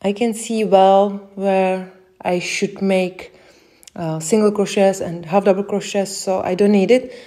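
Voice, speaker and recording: A young Czech woman with a Czech accent, giving slow step-by-step crochet instructions with frequent hesitations. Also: mid-range voice, fairly even intonation, dark tone. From Czech Republic. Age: young adult. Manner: slow, careful, with many hesitations. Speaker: crochet tutorial host.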